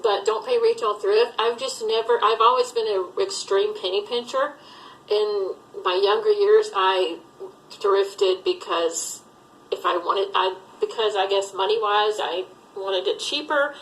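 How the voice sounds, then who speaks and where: There's a medium-pitched, fairly bright voice from a middle-aged Alabama woman who runs a thrift resale channel, rambling casually with plenty of fillers during a tag video chat. The recording is rough, with a little background noise.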